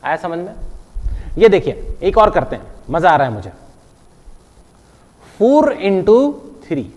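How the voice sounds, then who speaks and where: A male teacher walks his class through a math lesson with a playful, animated manner. His voice sits high and swings widely in pitch. The recording carries a long reverb, like a big room. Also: unhurried. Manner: playful, animated, counts aloud, checks in with "है ना?".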